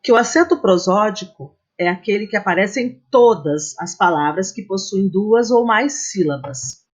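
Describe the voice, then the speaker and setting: A woman's voice: medium pitch, lively intonation, normal speed, husky. A woman teacher, giving a slide-based grammar lesson in a patient, explaining manner and often checking in with her students. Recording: dull, muffled lo-fi recording.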